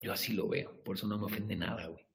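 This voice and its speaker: A man with a Mexican Spanish accent giving a blunt, profane motivational rant to his viewers, swinging from hushed to shouting. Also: deep voice, fairly even intonation, quick pace, gravelly.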